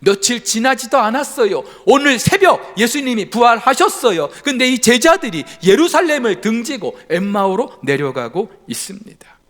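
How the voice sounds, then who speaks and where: A male pastor preaching a Sunday sermon in a church sanctuary, animated, swinging from loud emphasis down to a near whisper. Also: very high-pitched, moderate pace, few pauses. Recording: reverberant church hall.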